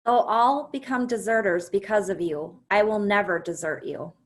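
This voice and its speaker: A woman's voice: medium pitch, normal speed, natural voice. A woman reading the part of a loyal disciple in a dramatic scripture reading recorded over a video call. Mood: earnest, insistent. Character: Peter, a loyal disciple vowing devotion.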